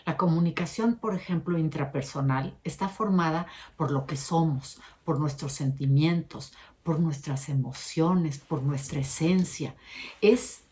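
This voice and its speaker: A woman giving an expressive educational talk, stressing points by shifting her pitch and pace. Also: a little slow. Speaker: educator presenting a short episode.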